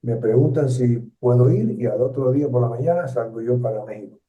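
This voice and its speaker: In a storytelling interview, a Puerto Rican man in his seventies, a retired journalist, reflects on the past with a Puerto Rican Spanish accent, often hesitating, using fillers, and starting over. He has a mid-range voice, recorded with roomy, distant, dull lo-fi sound.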